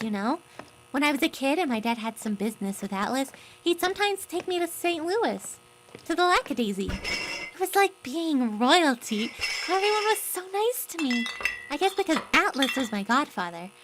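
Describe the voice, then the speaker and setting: A woman's voice: high voice, noisy background. A woman voicing a plucky, brash young college-age bootlegger in a cartoon fan dub, perky, cheeky and inquisitive. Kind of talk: animated fan dub acting.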